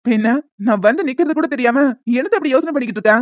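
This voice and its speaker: A woman's voice: high-pitched, lively intonation, no room sound, muffled recording. A woman voicing a teasing young cartoon husband. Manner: fast, coaxing banter. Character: teasing young newlywed husband, playful and persistent. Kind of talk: cartoon voice acting.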